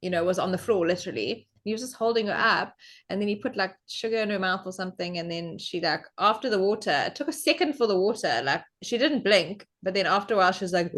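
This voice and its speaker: A young adult woman, a guest on a podcast, telling a story in casual chat and acting out what people said with big leaps in her voice. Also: quick pace. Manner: animated storyteller, acts out quotes with big pitch jumps.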